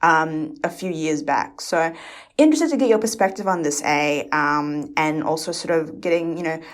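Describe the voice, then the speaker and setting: A woman's voice: sits low, normal speed. A young woman from Indonesia hosting a casual podcast chat, rambling and hesitant with frequent fillers. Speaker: podcast co-host.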